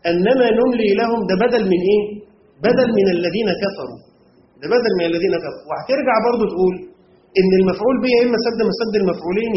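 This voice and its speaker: A man with an Egyptian Arabic accent teaches a class on the grammar of Quran commentary, talking quickly in a high voice and pausing again and again to quiz students with rhetorical checks. The audio sounds roomy and dull, with faint hiss in the background.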